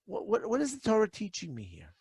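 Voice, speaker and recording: A man's voice: high-pitched, wildly swooping pitch, quick pace, a little mellow, slightly rough, no room sound. A man teaching a lesson on the weekly Torah portion. He asks a string of rhetorical questions and reads Hebrew verses aloud.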